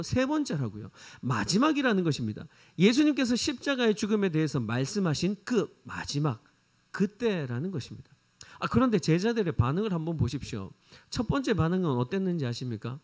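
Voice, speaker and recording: High, lively male preacher. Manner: rhetorical questions, dramatic retelling. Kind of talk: sermon.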